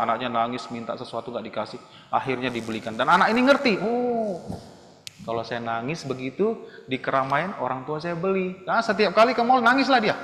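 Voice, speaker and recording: A man teaching Sunday school to children in a church hall, lively and acting out children's voices. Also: a little high. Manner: animated, acts out children's voices. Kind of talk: children's sermon. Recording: echoey hall with long reverb.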